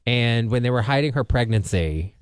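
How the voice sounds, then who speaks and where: A male radio host speaks from a studio microphone, close and dry. His pitch moves around a lot, and his dry, teasing manner carries a note of exasperation. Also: expressive, normal speed, smooth, dry recording. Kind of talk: casual radio talk.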